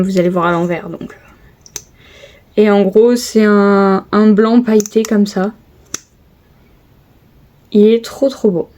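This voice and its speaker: Young woman beauty vlogger, slightly high voice, casual and hesitant, phone-recorded at home. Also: dark tone. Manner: chatty, lots of hesitations and repeated "trop, trop beau". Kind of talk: casual make-up tutorial chat. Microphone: phone camera.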